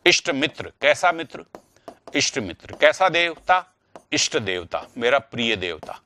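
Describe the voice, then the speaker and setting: A man's voice: mid-range voice, big pitch swings, measured pace, bright, forceful tone, a little hiss or hum. A male teacher giving an online grammar lesson, asking rhetorical questions and repeating key words for stress.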